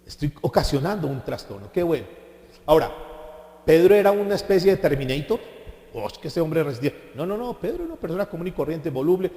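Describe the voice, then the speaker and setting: Animated man preaching in an echoey hall. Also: fairly high pitch. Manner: animated preaching with rhetorical questions and mocking impressions. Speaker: pastor. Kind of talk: sermon.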